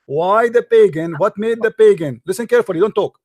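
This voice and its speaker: A man hosting a heated call-in debate, combative and taunting, repeating his questions, his voice hoarse from shouting. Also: high voice, expressive, brisk, no echo, studio quality. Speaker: host of a live call-in debate show.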